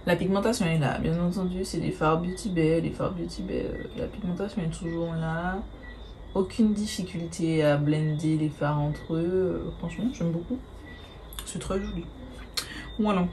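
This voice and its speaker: Casting note: woman, low-ish voice, chatty makeup vlogger who hesitates a lot and swears casually, slight background hiss. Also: moderate pace, mellow. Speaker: beauty vlogger. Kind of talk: casual makeup tutorial chat.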